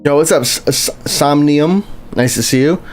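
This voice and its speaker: A man with a fairly high-pitched voice live-streams a game at a normal pace, with faint music in the background. He rambles and chats casually with his viewers, greets people in chat, and keeps restarting his sentences as he plays.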